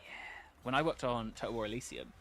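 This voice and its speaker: A man's voice: medium pitch, animated, fairly quick, fairly bright tone, a little hiss or hum. A man streaming a strategy game, chatting casually and telling stories between battles. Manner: chatty, joking, tells stories.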